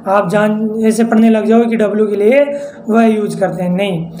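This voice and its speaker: A man's voice: sits high, fairly even intonation, moderate pace, dark tone. A man from India teaching an English pronunciation class, drilling rules and often asking his students questions back. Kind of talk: classroom-style pronunciation lesson. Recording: echoey room with faint background noise.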